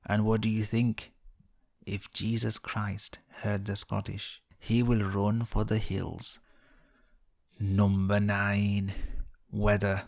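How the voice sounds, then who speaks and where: Brief: male voice-over for a list video, deep and flat, dry sarcastic delivery. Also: slow pace, creaky. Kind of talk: scripted voice-over narration.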